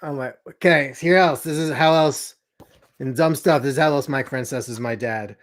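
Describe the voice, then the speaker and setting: A man hosting a casual family podcast at home, playful and quick with asides. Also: mid-range voice. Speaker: podcast host.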